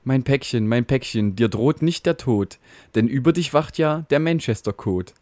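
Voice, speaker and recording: A man's voice: medium pitch, expressive, moderate pace, mellow, no echo, pitched above the performer's own voice, natural voice. Router, male, boastful and fatherly, ballad rhythm, dry sound, a man doing it. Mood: soothing. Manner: rhyming ballad recitation, soothing and self-important. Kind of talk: comic poem recitation.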